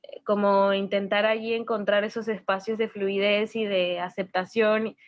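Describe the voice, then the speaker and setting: A woman's voice: mid-range voice, level tone, normal speed, no room sound, muffled recording. A woman with a Venezuelan accent, speaking thoughtfully with some hesitant restarts in an interview. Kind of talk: casual video-call interview.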